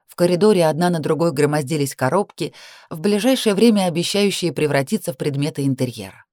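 A woman narrating a romance novel in the first person, in a steady, measured reading. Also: deep voice, no room sound, studio quality. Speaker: audiobook reader.

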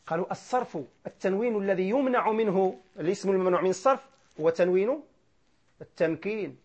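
A man teaching grammar, who asks questions and answers them himself, repeats key terms and slowly recites verses. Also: high-pitched, darkish tone. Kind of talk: classroom grammar lesson. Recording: dull lo-fi lecture recording.

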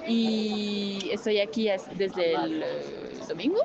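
A woman from Switzerland, not a native Spanish speaker, speaking hesitantly and softly at an outdoor gathering. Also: mid-range voice, takes it slowly, gravelly. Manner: hesitant, soft-spoken. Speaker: event participant. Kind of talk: vox-pop interview. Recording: lo-fi outdoor field recording with crowd.

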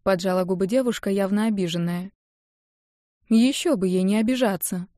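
A woman narrating an audiobook in the first person, lively and expressive. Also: mid-range voice, moderate pace, dry recording, studio quality. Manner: lively, indignant when quoting herself.

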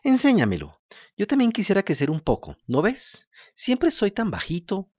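A man voicing a cheeky, lazy wooden puppet boy in a high, childlike, pleading voice. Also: huge pitch swings, moderate pace, a little mellow, dry recording, dull audio, full character voice. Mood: eager. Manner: high pleading childlike voice, stammers when moved.

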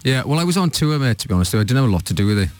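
A man's voice: medium pitch, big pitch swings, very fast, faint music behind. A man chatting as a guest on a radio show, joking and laid-back. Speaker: guest musician. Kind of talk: casual radio chat.

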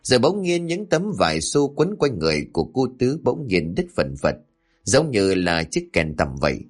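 A man narrating a horror story in a dramatic, expressive way. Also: lowish voice, normal speed, soft background music.

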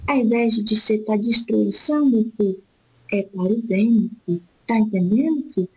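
A woman speaking as an elderly spirit guide in a spiritist session, giving gentle fatherly counsel and calling the listener "my son" after nearly every phrase. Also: mid-range voice, breathy edge, poor audio. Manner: slow, repetitive, soothing advice.

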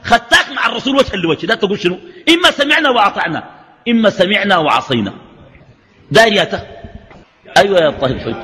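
A man's voice: sits high, fairly bright tone. A man with a Sudanese Arabic accent teaching a religious lesson, arguing through a stream of rhetorical questions. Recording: echoey hall reverb.

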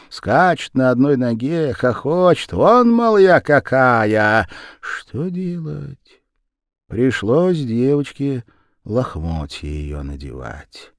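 Low slow man telling a fairy tale. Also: no echo, studio quality. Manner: slow, lively storytelling. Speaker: narrator.

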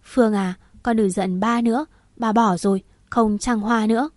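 A woman's voice: a little high, steady tone, normal speed, a little mellow, dry recording, natural voice. Woman voicing a pleading repentant father. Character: repentant middle-aged father, formerly unfaithful.

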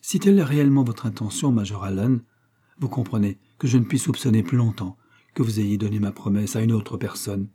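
A man voicing a jealous, sharp-tongued middle-aged widow in a storybook reading, speaking shrilly and vehemently. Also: lowish voice, a little fast, breathy edge. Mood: pleased.

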